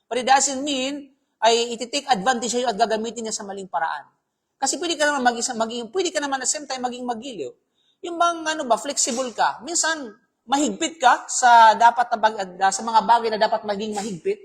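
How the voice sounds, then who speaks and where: A preacher with an extremely high, brisk voice gives a live Islamic talk in a conversational style. He keeps asking the audience "di ba?" and mixes in English phrases.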